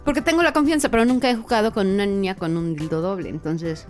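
A woman's voice: mid-range voice, fast, soft background music. A woman with a Mexican accent, a podcast co-host talking candidly and giggling in casual chat. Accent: Mexican Spanish.

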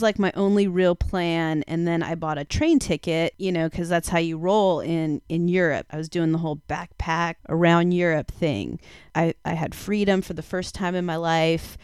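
Woman, forties, podcast host; frank and confessional storyteller, low-ish smooth voice, dry close sound. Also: a little mellow, no echo. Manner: confessional and frank, casual swearing. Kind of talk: candid personal storytelling.

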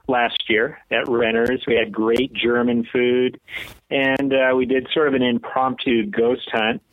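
Rambling man on a tinny phone line. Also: medium pitch. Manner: rambling, laughs often, conspiratorial. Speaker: podcast co-host. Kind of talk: casual chat.

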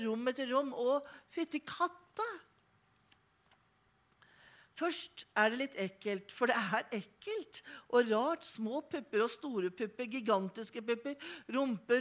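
Woman, storybook reading, expressive, playful, slightly high voice. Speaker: reader. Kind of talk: reading a children's book aloud.

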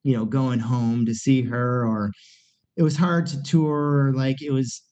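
A warm, mid-range nasal voice belongs to a middle-aged punk singer who's a guest on a podcast. He talks at a measured pace with little pitch movement, rambling candidly with plenty of fillers and restarts, in a casual conversation recorded with dull lo-fi quality.

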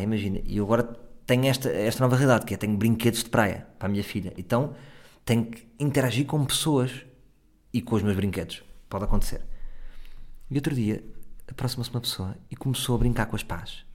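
A man's voice: lowish voice, fast. A man in his thirties with a European Portuguese accent, delivering a crude, sardonic and rambling comic monologue as host of his own podcast. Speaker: comedian host.

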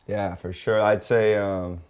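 A man from Hawaii, a guest in a casual interview, talking in a relaxed, rambling way with lots of "like" and "you know.". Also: on the low side, takes it slowly, smooth.

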